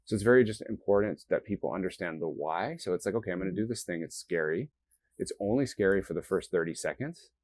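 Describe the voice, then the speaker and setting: With a strikingly deep, low voice, this founder answers interview questions by laying things out earnestly, one step at a time, now and then voicing his own inner thoughts as quotes. The recording is close-miked and dry, without room echo.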